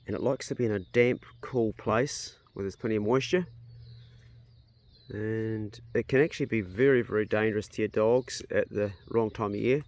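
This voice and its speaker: Speaking at a moderate pace in a fairly low, slightly mellow voice, this landowner vlogs outdoors with a broad New Zealand accent. His talk is casual and plain, wandering as he thinks aloud.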